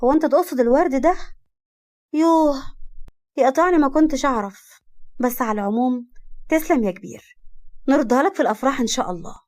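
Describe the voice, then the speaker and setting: A woman's voice: a little high, fast talker, pauses often, natural voice. A woman voicing a brash, sarcastic young woman with an Egyptian accent. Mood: feigned innocence. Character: sassy sharp-tongued young woman.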